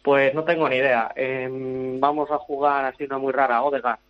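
A man from Oviedo, Spain, calls in to a radio show, and his voice comes over a dull, lo-fi phone line that keeps breaking up. He talks in a casual, hesitant, offhand way. His pitch sits in an ordinary middle range. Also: flat delivery, moderate pace. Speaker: radio call-in listener.

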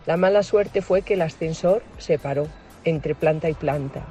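A man's voice: on the high side, moderate pace, warm tone, faint music behind. A man, a radio listener, telling a short anecdote in a plain, dry storytelling manner.

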